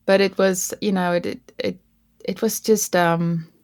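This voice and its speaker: This South African woman, a native Afrikaans speaker, talks casually as an interview guest, frequently restarting her sentences. Her lowish, darkish voice keeps a steady tone and measured pace, recorded with clean studio sound and no room ambience.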